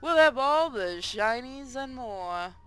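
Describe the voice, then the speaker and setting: Casting: young female pirate captain, played by a man, high and bright, boastful, theatrical game read-aloud. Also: expressive, takes it slowly, clear, resonant tone, full character voice. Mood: gloating. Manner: theatrical, triumphant declaiming. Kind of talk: hobby visual novel read-aloud.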